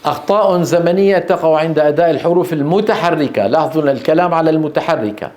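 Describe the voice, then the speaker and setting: A male Quran recitation teacher with a fairly high voice lectures in a room with a lot of echo. He quizzes his students with quick questions and answers them himself. He stretches each recited verse out slowly to demonstrate it. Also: a little mellow. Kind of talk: classroom lecture with recited examples. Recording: echoey room.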